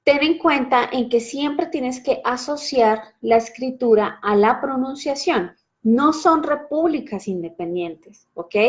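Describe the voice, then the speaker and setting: Woman, French teacher, lively and direct, fairly high voice. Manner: lively, direct, addresses viewer with frequent check-ins. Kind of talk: casual teaching monologue.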